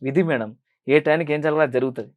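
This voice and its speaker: A young man speaking Telugu with a Rayalaseema accent, pouring out his answers at a very fast clip. His voice sits a little high and he keeps deferring politely to the interviewer. The sound is close and clean. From Rayalaseema, India. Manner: earnest, rapid, addresses interviewer as madam constantly. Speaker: film director and actor.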